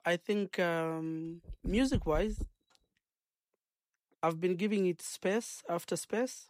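A man with a Zambian accent, a gospel singer and minister, talking earnestly in a radio interview, preaching as he goes and filling pauses with "uh" and "um". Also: high voice, dry recording, clean studio sound. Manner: earnest, preachy, rambling with many fillers.

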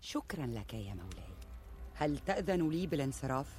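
An actor playing a cryptic, formal court seer who is deferential yet defiant, in a historical drama. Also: male voice, mid-range voice, big pitch swings, a little fast, darkish tone, lightly acted. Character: cryptic royal seer, calmly defiant before a king. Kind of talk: Arabic historical drama acting.

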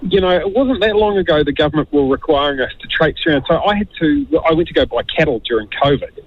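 A man's voice: on the high side, expressive, quick pace, slightly rough. A man calling in to a radio show over a phone line, chatting bluntly and jokingly. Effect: heard over a phone line. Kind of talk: casual phone-in chat.

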